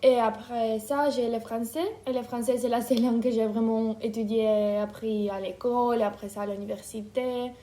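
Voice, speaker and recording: A woman in her twenties from Ukraine, speaking French, answering interview questions thoughtfully with many pauses. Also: on the high side, steady tone, dark tone. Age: 20s. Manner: hesitant, thoughtful, many fillers. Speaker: interview guest. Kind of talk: casual interview.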